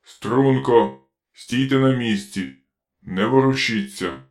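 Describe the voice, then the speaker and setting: A man's voice: mid-range voice, slow pace, a little mellow. A man voicing a driverless police car that interrogates in a cold, metallic, mechanical voice, curt and commanding, in an audiobook story. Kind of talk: audiobook reading.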